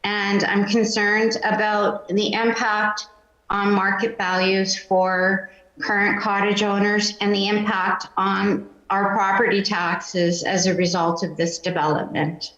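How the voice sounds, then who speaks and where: Slow, squeaky-voiced woman at a council mic. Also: flat delivery, fairly bright tone. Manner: hesitant, many ums, not a practiced speaker. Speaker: resident speaking at public meeting. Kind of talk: public comment at council meeting. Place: council chamber. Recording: roomy, dull meeting-room recording.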